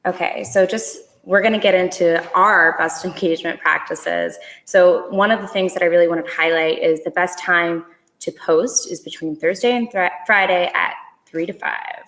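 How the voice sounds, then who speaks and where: A woman with a slightly low voice presents a marketing webinar. She talks in a chatty, upbeat way and laughs easily as she explains. She sounds casual rather than scripted. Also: fairly even intonation, moderate pace, fairly bright tone. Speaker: company presenter.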